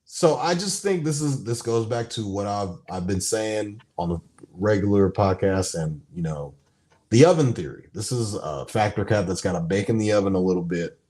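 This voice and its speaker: A man co-hosting a sports podcast, talking casually in a rambling, animated way with lots of fillers. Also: fairly low pitch, normal speed. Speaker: podcast co-host.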